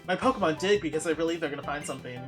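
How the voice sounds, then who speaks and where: A woman's voice: deep voice, rapid-fire. A woman streaming a game, chatting casually and gossipily in slang as she comments and talks to her audience. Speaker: game streamer running a challenge run with audience votes. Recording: music in the background.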